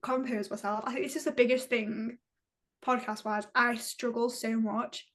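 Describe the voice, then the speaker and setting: A woman's voice: fairly high pitch, little pitch movement, normal speed, fairly bright tone. Giggly young northern english woman. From England. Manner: giggly, chatty, self-mocking. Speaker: podcast host. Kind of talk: casual chat.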